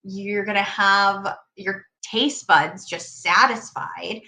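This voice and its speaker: Bright, upbeat woman chatting casually. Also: medium pitch, takes it slowly. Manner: chatty, upbeat, many fillers. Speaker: podcast host. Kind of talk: casual solo chat.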